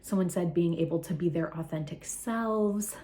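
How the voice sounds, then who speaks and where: A woman's voice: lowish voice, moderate pace, mellow. A young woman, a therapist hosting her own channel, talking in a chatty, earnest vlog, a little out of breath. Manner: chatty, earnest, filler-heavy. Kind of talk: casual talking-head vlog.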